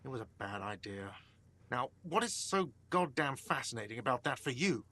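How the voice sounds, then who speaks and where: An actor playing a whiny, irritable middle-aged cafeteria manager in a video game. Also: male voice, mid-range voice, big pitch swings, moderate pace, pushed and bright. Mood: irritated. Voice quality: whiny, defensive.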